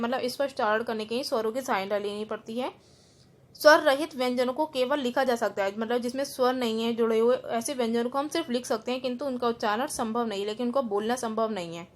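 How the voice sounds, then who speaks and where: A woman schoolteacher with a fairly high voice leads a grammar lesson, spelling out words letter by letter and breaking them down sound by sound. She then restates each rule in simpler terms, mixing in English words as she goes.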